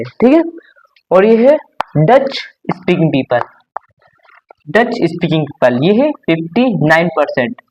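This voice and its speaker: A man's voice: sits high, darkish tone, rough recording. A young man teaching a class lesson, explaining step by step, repeating himself and saying "okay" often.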